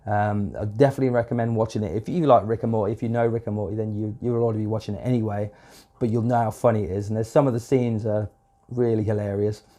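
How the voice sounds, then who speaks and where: Congested from a cold, a video reviewer talks quickly in a fairly low, mellow, level voice. He rambles casually through his take on a show episode, swearing often and filling gaps with fillers.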